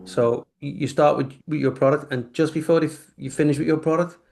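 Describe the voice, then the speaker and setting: A man's voice: fairly high pitch, steady tone, brisk, vocal fry, darkish tone. A man from the UK, a company guest in a casual interview, talking with many restarts and fillers. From United Kingdom.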